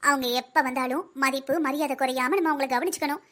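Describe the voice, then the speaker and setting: A fussy older wife and grandmother in a cartoon, voiced by a woman, speaking high and fast with a South Tamil Nadu accent. She pleads with and bosses her husband around in a rapid patter. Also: steady tone, fairly bright tone. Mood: pleading. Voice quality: pleading, busy, bossy. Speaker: voice actor in a family cartoon. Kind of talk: cartoon family comedy acting.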